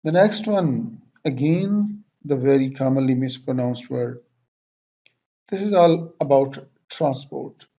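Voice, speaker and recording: A man teaching English pronunciation, repeating each word several times in a deliberate way and switching between English and Hindi explanations. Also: mid-range voice, warm tone, highs cut off. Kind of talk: pronunciation lesson.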